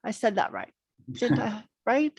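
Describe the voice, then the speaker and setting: A woman moderating a virtual meeting in a brisk, friendly, informal way. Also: fairly high pitch, wildly swooping pitch, slightly rough, dry recording.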